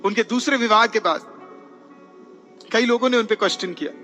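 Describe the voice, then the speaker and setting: Male pastor, sermon delivery, high and bright, frequent hallelujahs, faint music bed. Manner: preaching with frequent hallelujahs, mixing in English words. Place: church.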